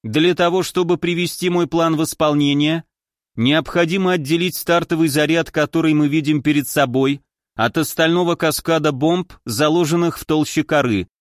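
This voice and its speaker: A man voicing a cold, logical male robot in an audiobook, speaking in a measured, emotionless way. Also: a little high, no echo, clean studio sound, natural voice. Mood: cold, flat.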